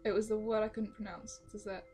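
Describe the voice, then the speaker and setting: A woman's voice: mid-range voice, little pitch movement, fast talker, warm tone, soft background music. A woman co-hosting a let's-play, who teases her friend in a dry, joking way. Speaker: gaming channel co-host. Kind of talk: casual let's-play chat.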